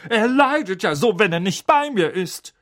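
A man voicing a loud, domineering older aunt in an audiobook, barking and scornful. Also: high voice, lively intonation, normal speed, voice pushed up. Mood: gushing. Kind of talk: audiobook character voice.

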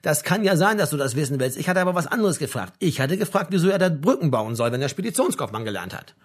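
A woman's voice: low-pitched, sing-song, fast talker, breathy edge, full character voice. A man reading an audiobook, voicing a fussy, argumentative middle-aged mother in a raised, insistent voice. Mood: indignant.

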